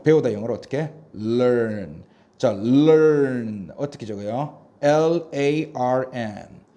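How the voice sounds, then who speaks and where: A male English teacher with a mellow, relaxed tone who speaks slowly. He talks his students through pronunciation and spells words out one letter at a time with patience. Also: mid-range voice. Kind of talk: slow classroom vocabulary lesson.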